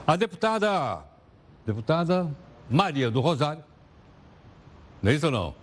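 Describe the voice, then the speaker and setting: A man's voice: a little high, sing-song, moderate pace, breathy edge. A man presenting the news in a casual, chatty way, asking viewers rhetorical questions.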